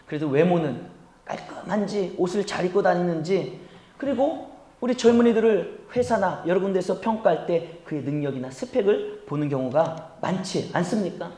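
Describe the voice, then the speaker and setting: A male pastor delivers a Sunday sermon and draws the congregation in with questions and acted-out stories. His voice sits high for a man. The sound carries through a large, echoing sanctuary. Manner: animated storytelling, acts out quotes, asks the congregation questions. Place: church sanctuary. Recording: echoey church sanctuary.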